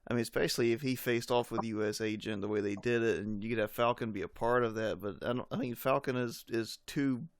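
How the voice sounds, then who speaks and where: A man's voice: mid-range voice, brisk, few pauses, no echo, clean studio sound. A man chatting casually about films as a podcast co-host. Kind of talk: casual film fan chat.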